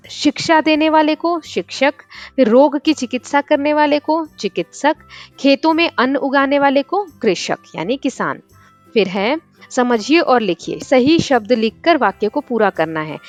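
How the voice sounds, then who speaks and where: A woman teacher patiently working through a children's worksheet step by step, with examples. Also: a little high. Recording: dull lo-fi voice-over with faint music.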